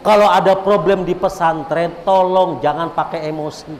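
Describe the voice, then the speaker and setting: A male preacher, preaching a lively sermon and calling out to the crowd. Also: high voice, moderate pace. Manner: animated, repetitive, calls out to the crowd. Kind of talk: religious sermon at a gathering. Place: large hall at a religious event. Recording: echoey hall, faint background noise.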